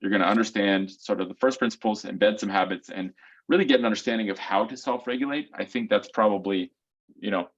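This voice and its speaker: A man with a fairly low voice talks through answers in a loose, explanatory way, dropping in "um" and "right?" as he goes. The sound is dull and lo-fi, like a video call. It feels like a casual community Q&A. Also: a little fast. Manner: explains step by step, keeps checking in with "right?" and "um". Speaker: co-host of a foot health community call.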